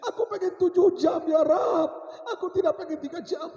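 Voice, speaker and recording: A dying man wails in regret, pleading the same question to God again and again, as a preacher puts him on. His cries climb far above the man's own voice and ring through a long, echoing mosque hall. The tone stays dark and heavy even at its highest. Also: moderate pace. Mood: wailing regret.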